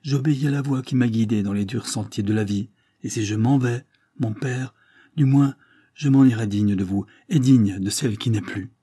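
A man's voice: mid-range voice, normal speed, dark tone, slightly rough, lightly acted. A man reading as a fervent young nobleman. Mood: impassioned. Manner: impassioned, declamatory.

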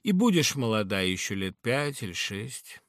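A man's voice: lowish voice, big pitch swings, normal speed, no room sound, clean studio sound. A man voicing a jealous, hot-tempered nobleman. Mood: brooding. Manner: brooding, then challenging. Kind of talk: dramatic reading of a verse play.

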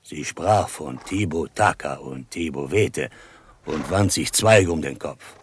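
Playing the dignified Osage chief Matoshako in a German radio drama, a male actor speaks in a rumbling low voice, taking it slowly over slight background noise. Solemnly recounting past deceit, he uses a ceremonious, declamatory storyteller's manner.

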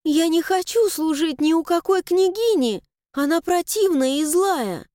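A woman voicing Mila, a stubborn young village girl, with a high, indignant, pleading delivery in an audiobook. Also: animated, measured pace, mellow, dry recording, studio quality. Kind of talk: audiobook character voice.

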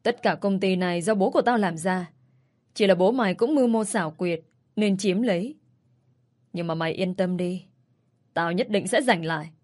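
A cold, arrogant young man issues low, quiet threats, as a woman reads his lines in a narrated story. The voice sits at a mid pitch and stays hushed and even. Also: moderate pace, pauses often, close to an everyday voice. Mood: coldly threatening.

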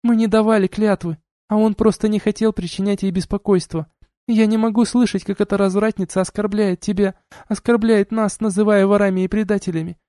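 A man reading an audiobook and voicing a defiant young woman who speaks in a loud, indignant way. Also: high voice, steady tone, moderate pace, dry recording, studio quality, natural voice.

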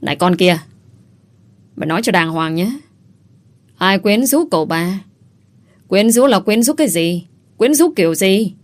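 A woman's voice: lowish voice, lively intonation, moderate pace, long pauses, natural voice. A woman doing a fiery young mistress. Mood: indignant. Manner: sharp, combative. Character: fiery young lady of the house.

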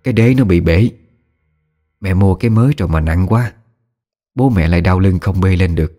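A man's voice: deep voice, normal speed, dark tone, soft background music. A man voicing a tired, homely older village mother speaking plainly.

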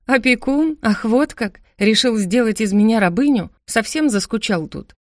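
A woman's voice: fairly high pitch, animated, normal speed, no echo, studio quality, pitched above the performer's own voice, lightly acted. A woman voicing a hurt, defiant young woman who speaks sharply and raises her voice in an audiobook scene. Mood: defiant, upset. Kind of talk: audiobook character voice.

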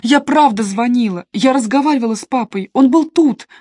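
A woman reading an audiobook, voicing a distraught young woman who pleads and shouts accusations in high, shrill bursts. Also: brisk, no echo, studio quality, natural voice. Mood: pleading.

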